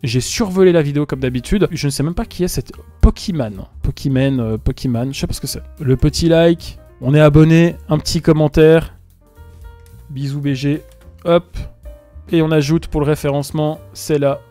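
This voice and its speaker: A man's voice: fairly high pitch, normal speed, mellow, soft background music. A man giving joking reaction commentary on a video, mocking what he hears and slipping into silly put-on accents. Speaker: reaction youtuber.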